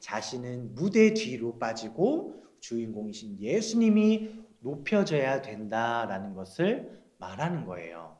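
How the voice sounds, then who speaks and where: A young man, a children's pastor, giving a sermon to kids, explaining slowly and gently and asking them questions. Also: medium pitch, sing-song. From South Korea. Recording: roomy echo.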